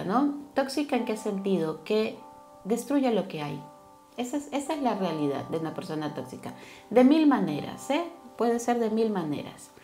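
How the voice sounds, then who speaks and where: A woman reads tarot cards for her viewers in a medium-pitched, darkish voice. She speaks affectionately and keeps tagging her sentences with little questions.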